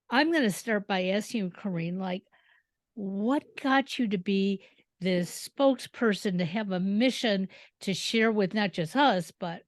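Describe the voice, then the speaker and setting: A woman's voice: mid-range voice, no room sound. Chatty woman podcast host, dry sound. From Detroit, Michigan. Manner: conversational, rambling with fillers. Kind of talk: casual interview chat.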